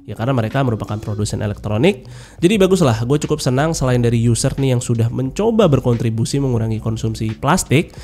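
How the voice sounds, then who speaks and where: A young tech reviewer gives a casual product review as a voice-over, sounding chatty and informal and using lots of filler particles. His medium-pitched voice is warm in tone but nasal and stuffy from a cold, and it's captured on a voice-over mic.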